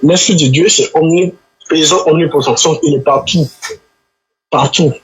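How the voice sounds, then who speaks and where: A man debating as a guest, explaining slowly and pleading to be heard. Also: on the high side, husky. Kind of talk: heated live debate. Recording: dull lo-fi line.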